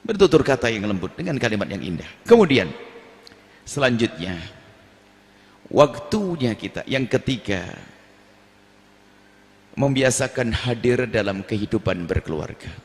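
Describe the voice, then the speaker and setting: A man preaching a sermon on family life, animated, now and then acting out quarrelling relatives in a raised voice. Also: unhurried, pauses often. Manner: animated, acts out quarrelling family members in a high voice. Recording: long hall reverb.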